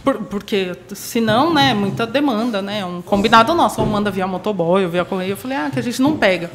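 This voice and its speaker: A woman's voice: medium pitch, lively intonation, a little fast, noisy background. A woman chatting casually on a podcast, telling a story and acting out the dialogue. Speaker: guest, bouquet preservation artisan.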